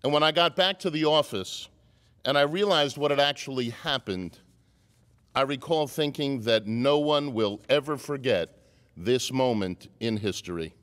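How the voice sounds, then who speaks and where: A man's voice: medium pitch, moderate pace, fairly bright tone. A man, a rabbi, giving a commencement speech with a wry, joking delivery. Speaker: commencement speaker. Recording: long hall reverb.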